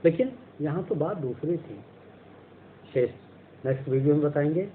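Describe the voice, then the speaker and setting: A man's voice: on the high side, expressive, moderate pace. A male teacher explaining a textbook story, glossing words and asking and answering his own questions. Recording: tinny phone-like sound, faint noise.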